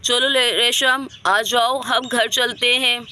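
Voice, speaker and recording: A woman's voice: a little high, fairly even intonation, slow pace, pushed and bright, heavily acted. A woman voicing a worried middle-aged mother in a doll story who keeps asking anxious, pleading questions. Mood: soothing.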